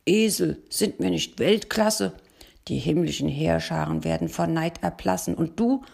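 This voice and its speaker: A woman's voice: low voice, fairly even intonation, normal speed, creaky, warm tone, exaggerated voice. A woman voicing a male bear who pleads insistently with his donkey friend. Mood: enthusiastic.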